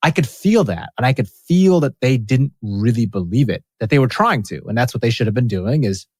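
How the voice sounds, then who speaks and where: A man's voice: mid-range voice, lively intonation, a little fast, a little mellow, slightly rough, dry recording, studio quality. A man speaking as a podcast guest about his years as a racing athlete, earnest and emphatic, often restarting his sentences. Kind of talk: casual interview conversation.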